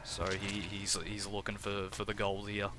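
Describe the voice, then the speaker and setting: A man with an Australian accent casting a live game tournament in a chatty, energetic way, often restarting his phrases. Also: lowish voice, normal speed, over loud music. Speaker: tournament caster and streamer.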